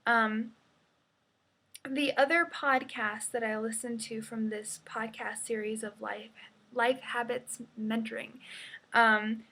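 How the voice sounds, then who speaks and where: Slow, hesitant young woman vlogging. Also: a little high, fairly even intonation, bright, forceful tone. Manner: hesitant, many ums, laughs at herself. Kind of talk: casual video diary.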